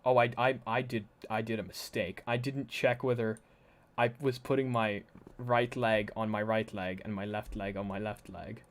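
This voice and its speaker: A man's voice: fairly low pitch, fairly even intonation, normal speed. Chatty male streamer thinking aloud. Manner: chatty, thinks aloud while explaining his setup. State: voice slightly worn from talking. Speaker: live streamer. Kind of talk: casual live-stream chat.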